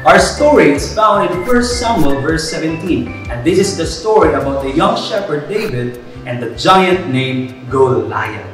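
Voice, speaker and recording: Friendly young storyteller. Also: male voice, fairly high pitch, lively intonation, measured pace, a bit bright. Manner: friendly, asks the audience questions. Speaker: Bible storyteller. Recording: echoey, distant mic, music behind.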